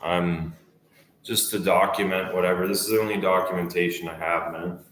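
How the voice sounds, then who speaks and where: A man in his twenties with a deep, low voice rambles to the camera. His talk is profane and loose, often trailing off mid-thought. The sound carries the echo of a reverberant room. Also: fairly even intonation, normal speed, a bit bright, slight background noise. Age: 20s. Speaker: vlogger. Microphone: camera facing speaker. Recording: echoey room.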